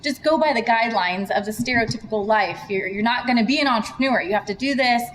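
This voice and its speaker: A woman's voice: a little high, fast, noisy background. Candid woman entrepreneur guest. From Serbia. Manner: candid, chatty. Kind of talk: casual interview chat.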